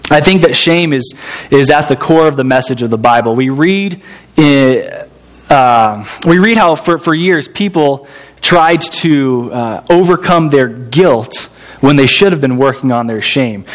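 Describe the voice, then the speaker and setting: A young American man giving a sermon-style talk to a group, hesitant with frequent fillers and repeated words, quizzing the listeners as he goes. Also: fairly high pitch. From United States. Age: young adult. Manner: quizzes listeners and waits for answers. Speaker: seminary-trained speaker.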